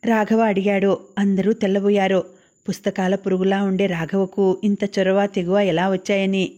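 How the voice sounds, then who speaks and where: A woman narrating an audiobook novel in a steady, scripted reading. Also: medium pitch, moderate pace. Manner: flat, even reading.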